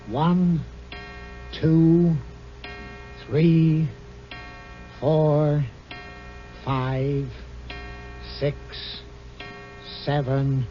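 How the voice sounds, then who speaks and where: A man playing a gruff, short-tempered middle-aged boss in a 1950s radio sitcom, bellowing and blustery. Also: on the high side. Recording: dull lo-fi 1950 radio recording with music.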